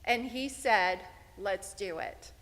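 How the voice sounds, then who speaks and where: Bright-voiced woman introducing a guest speaker. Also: mid-range voice, takes it slowly, in a large hall. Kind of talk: formal introduction. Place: synagogue sanctuary.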